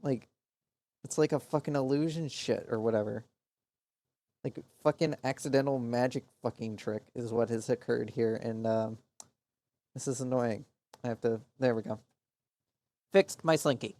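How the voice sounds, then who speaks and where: A man's voice: mid-range voice, moderate pace, long pauses, darkish tone. A man casually commenting on his strategy game during a live stream, rambling and muttering to himself with frequent swearing.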